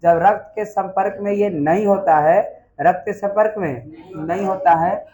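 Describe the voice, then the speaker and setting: A man's voice: high voice, normal speed, warm tone, rough recording. A man teaching a biology class, quizzing students and repeating key terms in a call-and-response style.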